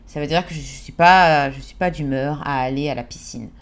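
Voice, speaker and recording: A young woman from France talks through British slang in a relaxed vlog. She is chatty and lively, breaks into quick English examples, and laughs at her own slips. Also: low-pitched. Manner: chatty, animated, acts out short English examples and laughs at herself. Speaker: vlogger teaching British English expressions. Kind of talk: casual explanatory vlog.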